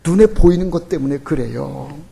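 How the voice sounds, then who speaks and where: A man preaching from the pulpit with a gravelly, husky voice pitched somewhat high. His sermon delivery is emphatic, climbing to forceful peaks and then dropping to near-hushed lines. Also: moderate pace. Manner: emphatic preaching with sudden rises and hushed drops. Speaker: pastor. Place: church sanctuary.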